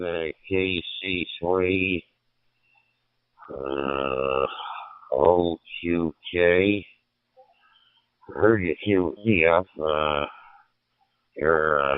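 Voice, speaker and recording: A man's voice: low voice, dry recording. A man heard over a radio transmission, calling out on a channel as an amateur radio operator, hesitant with many fillers. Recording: tinny distant radio signal.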